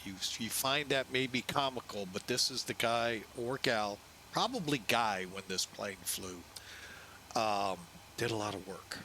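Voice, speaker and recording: A man with a bright, crisp-edged voice hosts a flight simulator stream. He talks casually, step by step through his procedures. A light bed of aircraft ambience sits behind him, and his pitch stays in a middle male range. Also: unhurried, a little hiss or hum. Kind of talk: casual live-stream commentary while running checklists.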